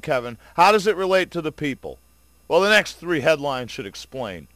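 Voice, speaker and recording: A man delivering an angry, profane ranting commentary, sarcastic toward his listeners, swinging between low muttering and loud outbursts. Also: no room sound. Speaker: video blogger.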